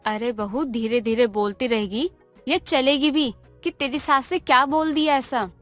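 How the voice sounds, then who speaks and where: A woman voicing a loud, pushy neighbor aunty. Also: sits high, steady tone, unhurried, faint music behind. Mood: urgent. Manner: loud, urgent, calling out. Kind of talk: animated moral story dialogue.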